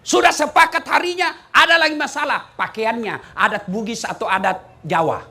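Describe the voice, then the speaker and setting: Speaking at normal speed in a very high voice, a male preacher entertains a live crowd with a funny sermon. He punctuates it with loud, emphatic outbursts and breaks into bits of song.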